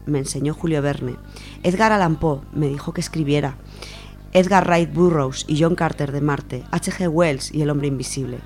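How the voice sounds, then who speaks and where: This woman from Spain has a deep, slightly mellow voice. As a radio presenter, she offers a casual, semi-prepared account, explaining things and repeating points as she proceeds.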